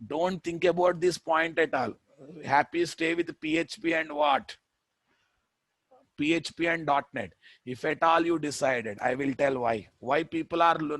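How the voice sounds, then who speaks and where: A man's voice: a little high, normal speed, a bit bright, dry recording. A man with a Telugu Indian accent lecturing as a programming instructor, repeating phrases for emphasis and prompting his listeners with questions. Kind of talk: classroom lecture with rhetorical questions.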